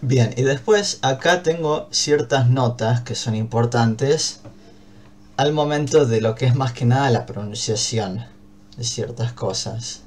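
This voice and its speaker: A man's voice: medium pitch, a little slow, darkish tone. A man with an Argentine Spanish accent teaching an English class, explaining patiently and checking often that his students follow. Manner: patient, checks understanding with frequent "¿bien?".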